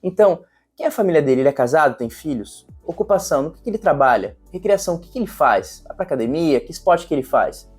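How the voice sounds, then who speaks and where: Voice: mid-range voice, expressive, quick pace, a little mellow, breathy edge, soft background music. A sales trainer giving an instructional video talk, explaining techniques step by step and restating points.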